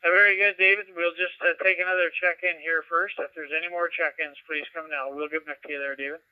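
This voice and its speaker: A man runs an amateur radio net, his slightly high, smooth voice coming through a scanner radio. The sound is dry and dull, like a lo-fi radio receiver. He talks haltingly with many fillers as he reads out call signs. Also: flat delivery, no echo. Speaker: net control.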